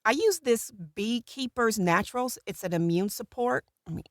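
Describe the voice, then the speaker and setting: A middle-aged woman with natural vocal fry, a voiceover artist casually explaining a routine to camera from a small recording booth. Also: on the high side, expressive, normal speed, dry recording, studio quality.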